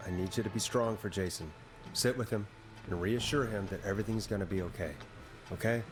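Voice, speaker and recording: An actor voicing a calm male radio host talking a caller through an emergency, reassuring and instructive. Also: on the low side, a little fast, over music, lightly acted. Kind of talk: video game voice acting.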